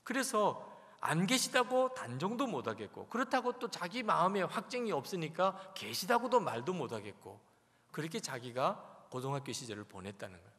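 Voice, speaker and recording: A man's voice: fairly high pitch, big pitch swings, moderate pace, fairly bright tone. A male pastor preaching a sermon at a revival service, telling a story and acting out the voices in it. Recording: long reverb of a church hall.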